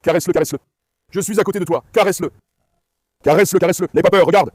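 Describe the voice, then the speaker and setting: A husky, darkish high voice comes at a rapid-fire pace in a dry recording. The man hosts a dog vlog at an outdoor industrial site, coaxing his dogs and instructing a helper in a casual, repetitive manner.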